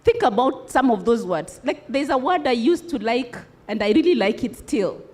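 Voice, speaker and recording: A woman's voice: on the high side, very animated, normal speed, darkish tone. A woman giving a motivational speech to students at a congress, asking rhetorical questions and repeating key words for emphasis. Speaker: motivational speaker. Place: conference hall.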